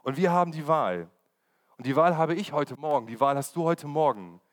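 A man's voice: fairly high pitch, lively intonation, normal speed. A man giving a conversational sermon and putting questions to his congregation. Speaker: preacher. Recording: long hall reverb.

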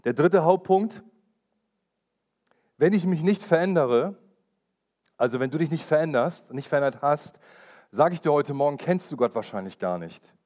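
A man's voice: fairly high pitch, expressive, normal speed, pauses often, darkish tone. A man giving an earnest sermon as pastor, repeating key phrases for emphasis and sharing personal testimony with urgency.

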